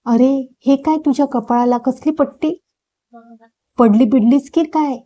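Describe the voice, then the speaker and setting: A woman voicing a caring young man who gently questions his upset friend. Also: sits high, unhurried, no room sound. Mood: concerned. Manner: gentle, concerned.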